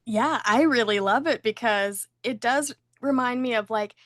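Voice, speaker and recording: A woman's voice: on the high side, measured pace, a bit bright, no room sound. Woman host, gushing and playful recapper, dry close-miked voice. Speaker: podcast host. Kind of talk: casual episode recap.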